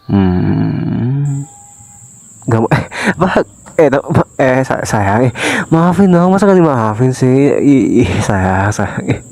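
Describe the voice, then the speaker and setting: A man voicing a remorseful young husband softly pleading with his wife, in a whispered role-play that sprinkles in English phrases. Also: mid-range voice, lively intonation, slow pace, vocal fry, pauses often, rough recording. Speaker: ASMR voice actor.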